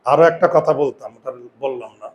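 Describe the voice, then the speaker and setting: A male teacher giving a classroom lesson, quizzing his students and drawing out sounds slowly. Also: medium pitch, highs cut off.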